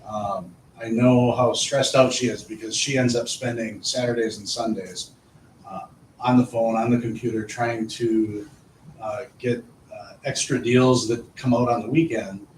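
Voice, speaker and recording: In an informal discussion at a public meeting, a school administrator explains his report to the board in a steady, unhurried, mid-range voice, repeating phrases as he goes. The indoor meeting room's echo is audible, the mic is distant, and there's faint noise.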